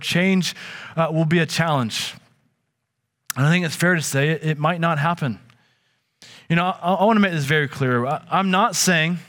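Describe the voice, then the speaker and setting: A man's voice: sits high, a bit bright. A man preaching a sermon, earnest and conversational, often restarting his phrases. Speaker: pastor. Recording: long hall reverb.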